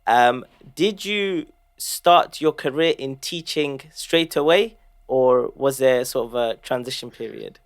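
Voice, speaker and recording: Man asking slow, considered questions. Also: mid-range voice, smooth. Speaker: podcast host. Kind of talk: interview questions.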